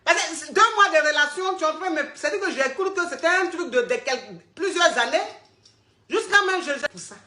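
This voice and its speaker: A woman's voice: extremely high pitch, animated, brisk, pushed and bright, echoey room. A woman, coaching callers on a live stream in a crude, teasing, repetitive way and often laughing. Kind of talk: livestream advice chat.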